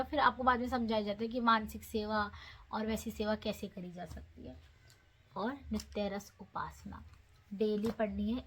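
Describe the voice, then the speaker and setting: A woman with a slightly high voice speaks to her followers in a casual devotional how-to. She is patient and repeats each instruction, slipping English words in as she goes. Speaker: devotee guiding followers on daily scripture reading.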